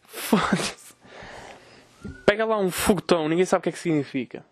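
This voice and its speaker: A man's voice: high voice, moderate pace, dry recording. A young man with a European Portuguese accent, ranting sarcastically and swearing on his solo podcast. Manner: profane, sarcastic, mocking voices of others. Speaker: podcast host.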